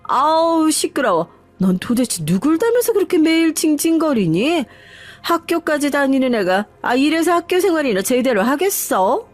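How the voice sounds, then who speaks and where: Brief: woman voicing a haughty, mocking sister-in-law for an audio story, high and piercing. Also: expressive, normal speed. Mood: scornful. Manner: shrill, mocking, dismissive. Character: brash, rude younger sister-in-law, a doctor. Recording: faint background music.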